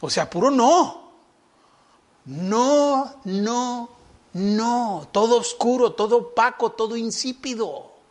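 A man delivers a sermon to his congregation in a very high voice. He piles up rhetorical questions and repeats them for emphasis. His delivery is animated, and he mimics gloomy churchgoers to make his point. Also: takes it slowly. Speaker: preacher.

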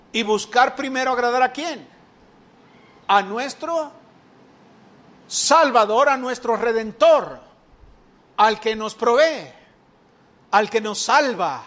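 Male preacher, very high voice, sermon delivery full of rhetorical questions and acted-out quotes. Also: fairly bright tone. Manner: acts out quoted speakers.

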